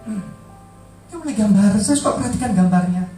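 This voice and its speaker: A middle-aged man delivers an emotional church testimony, pressing hard on repeated words. He sounds a little distant from the microphone in a large, reverberant hall, with soft music faintly underneath. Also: high voice, lively intonation, brisk. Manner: heartfelt, emphatic, repeats words for stress. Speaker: church speaker giving a testimony.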